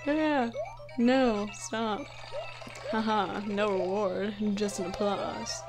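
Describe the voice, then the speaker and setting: Slow-talking giggly gamer woman. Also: mid-range voice, fairly even intonation. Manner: giggly, self-mocking, frustrated outbursts at the game. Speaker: gaming YouTuber. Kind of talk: casual let's-play commentary. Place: home at night, keeping quiet. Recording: game music behind the voice.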